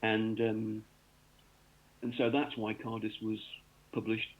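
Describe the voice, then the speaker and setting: This man from North East England writes about cricket and talks slowly about his work on a radio interview heard through a tinny phone line. His lowish voice is completely flat, and he meanders with ums and false starts.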